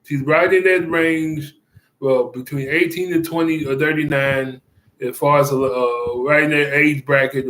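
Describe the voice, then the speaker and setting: A man giving casual commentary, rambling and halting with many fillers and restarts, chuckling often. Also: mid-range voice, fairly bright tone, reverberant, poor audio.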